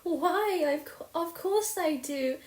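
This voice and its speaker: A woman's voice: extremely high pitch, expressive, slow pace, voice pushed up, heavily acted. A woman voicing a sad but practical young girl who talks in a plain, mournful way. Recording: roomy echo.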